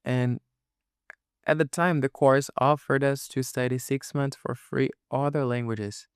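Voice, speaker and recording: This native Portuguese speaker, a podcast host who also teaches English, has a smooth mid-range voice and an unhurried, fairly even delivery. On his casual solo show he explains things informally and frequently makes sure listeners are keeping up. The studio recording is clean and echo-free.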